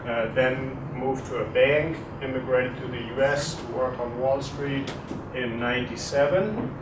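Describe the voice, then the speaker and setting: Picked up from afar in an echoey, noisy room, this middle-aged man with a German accent lectures as a guest at a university, taking questions from the audience. His mid-range voice moves at a measured pace, and his relaxed, chatty manner is hesitant, with many fillers as he quizzes listeners.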